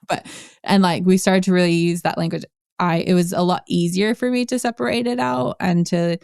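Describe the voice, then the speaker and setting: A woman's voice: lowish voice, gravelly, a little mellow, dry recording, studio quality. A middle-aged woman hosting a podcast interview, chatty and laughing often, with many restarts and fillers. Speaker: podcast host. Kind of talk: casual interview chat.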